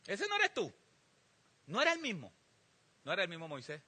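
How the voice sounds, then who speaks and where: A pastor preaching a sermon, asking the congregation emphatic rhetorical questions. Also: male voice, high voice, wildly swooping pitch, a little fast, sharp tone, husky. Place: church sanctuary.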